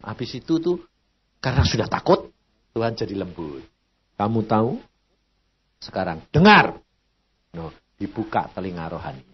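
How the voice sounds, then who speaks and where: An older man gives a sermon in an animated storytelling way, his voice husky and swinging widely in pitch. He acts out the people in his story as he goes. The recording is dull and lo-fi. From Indonesia. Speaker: preacher.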